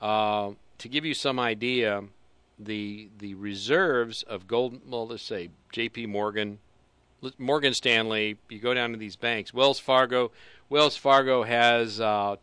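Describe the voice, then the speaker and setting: A man's voice: medium pitch, fairly even intonation, slow, bright, forceful tone, clean tone, no echo. A man co-hosting a casual finance talk show, rambling and dryly sarcastic. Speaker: co-host.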